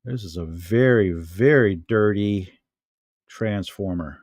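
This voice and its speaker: A man's voice: on the low side, darkish tone, no room sound, studio quality. A middle-aged American man musing to himself as he shows things in a casual vlog at home. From United States. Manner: unhurried, musing, talks to himself while handling objects. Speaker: vlogger. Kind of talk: casual show-and-tell vlog.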